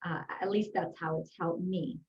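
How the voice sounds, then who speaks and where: At a moderate pace and in a steady, fairly low voice, an executive and life growth coach from Houston, Texas, United States, answers as an interview guest in an upbeat, earnest, conversational manner. Her video-call recording sounds muffled.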